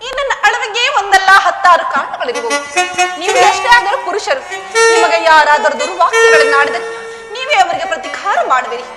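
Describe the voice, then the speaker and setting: A woman's voice: very high-pitched, lively intonation, fairly quick. A woman playing the wronged queen Draupadi in a village stage drama, declaiming with bitter, tearful scorn. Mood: lamenting. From Karnataka. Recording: echoey live stage recording with music.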